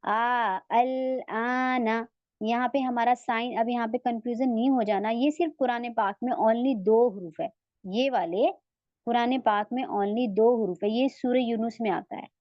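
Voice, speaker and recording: A woman's voice: on the high side, fairly even intonation, measured pace, no echo, dull audio. A woman with an Urdu accent teaching a Quran recitation lesson online, patiently asking her students whether they follow and stretching out the sounds she demonstrates. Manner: patient, asks checking questions.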